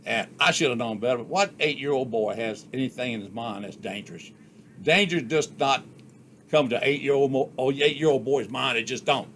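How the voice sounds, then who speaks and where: Older man, folksy storyteller, mid-pitched voice, faint background ambience. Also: fairly bright tone, slight background noise. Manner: folksy, unhurried yarn-spinning with rural Southern US speech. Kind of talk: casual storytelling.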